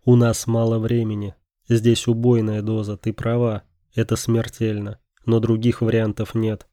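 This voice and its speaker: A man doing a stern, resolved father in an audiobook thriller. He speaks slowly and seriously, in a low, mellow, fairly flat voice with no hurry at all. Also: dry recording, clean studio sound, close to an everyday voice. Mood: grave. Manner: serious, measured. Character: determined older man, father, calm.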